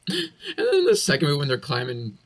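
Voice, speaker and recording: Husky, animated man talking about movies. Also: on the high side, fairly quick. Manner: enthusiastic, laughs often. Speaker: podcast co-host. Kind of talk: casual film commentary chat.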